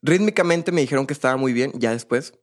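A man's voice: medium pitch, animated, fast talker. A young man, a percussionist guest, telling his story in a casual, rambling way with many fillers and restarts.

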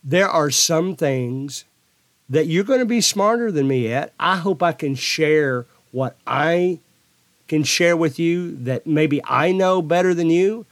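A man's voice: a little high, slow, no echo. A man hosting a solo podcast, giving earnest advice to substitute teachers and repeating phrases as he finds his words. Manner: drops into a dull monotone for emphasis.

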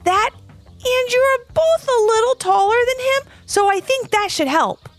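A woman's voice: very high voice, animated, measured pace, no echo, soft background music, voice pushed up. A woman voicing Charlie, a small worried male forest guide with dramatic, breathless whispering. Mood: earnest.

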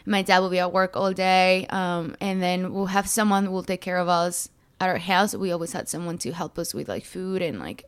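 A woman's voice: lowish voice, moderate pace, few pauses, clear, resonant tone. A young woman from Mexico, a podcast guest, chatting casually about her childhood with many fillers. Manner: chatty, filler-heavy, laughs easily. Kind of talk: casual interview chat.

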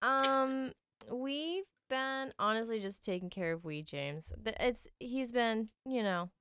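Woman, podcast co-host, very clear voice, dry sound, casual rambling chat. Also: on the high side, animated, slow pace, fairly bright tone, dry recording. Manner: laughing, rambling with many fillers.

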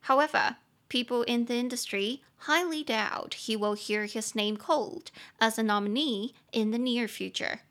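A young woman hosts a casual language-lesson podcast, chatting freely and then slowing down to spell words and model English sentences. Her voice is bright and clear and sits a little high. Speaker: podcast host teaching English.

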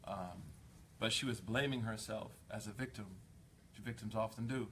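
A male preacher giving a casual storytelling sermon, slangy and conversational, getting animated and louder for emphasis. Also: moderate pace, a little hiss or hum. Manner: slangy and conversational, peppered with "man" and "like"; animated, jumps up in pitch and volume for emphasis. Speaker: Islamic preacher.

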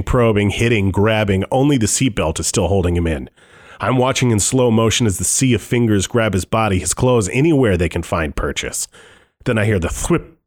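A man reading a first-person thriller audiobook in a tense, wry inner-monologue voice. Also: lowish voice. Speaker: narrator.

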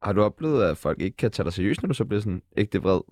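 Male host, low voice, dry sound, relaxed probing questions. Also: dry recording. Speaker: interviewer. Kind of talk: casual interview chat.

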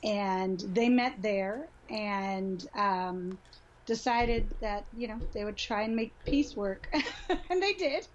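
A middle-aged woman from Honduras, a guest on a podcast, talking reflectively over a video call, often restarting and softly laughing. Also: medium pitch, takes it slowly, a little hiss or hum. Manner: warm-hearted, reflective, with frequent restarts and soft laughs. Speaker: guest, sexuality educator. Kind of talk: casual interview talk. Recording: dull lo-fi video call audio.

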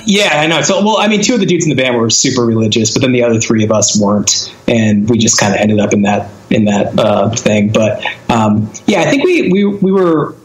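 A man's voice: mid-range voice, animated, fairly quick, hardly any pauses. A man in his thirties, a guest in a casual podcast interview, talking in a laid-back, rambling way with a lot of fillers and casual swearing. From born in Boston, raised in Connecticut and Wisconsin. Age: 30s. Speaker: interview guest, filmmaker and former hardcore musician. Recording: roomy echo.

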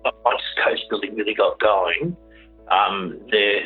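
An Australian man explaining things informally as an interview guest, halting and often repeating his words. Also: on the low side, soft background music. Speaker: interview guest, carriage driver. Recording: dull lo-fi radio-like audio.

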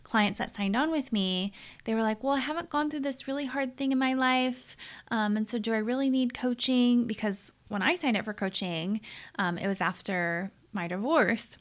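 A leadership coach in her 30s speaks at a normal speed in a fairly high voice while hosting her own podcast. She talks candidly and conversationally into a studio mic in a solo monologue.

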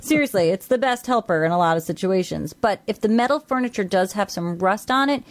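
A woman's voice: medium pitch, expressive, a little fast, no echo. Upbeat female radio co-host, dry studio. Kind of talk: chatty home tips and show segments.

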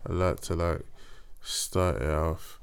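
A man's voice: low voice, slow, creaky, clear, resonant tone. A man from East London with an East London accent, chatting casually in slang-heavy roadman talk. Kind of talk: casual chat.

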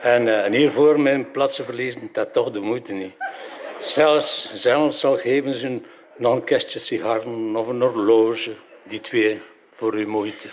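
A man's voice: medium pitch, measured pace, slight background noise. A man with a Flemish accent telling a funny anecdote, chuckling and acting out the voices in his story.

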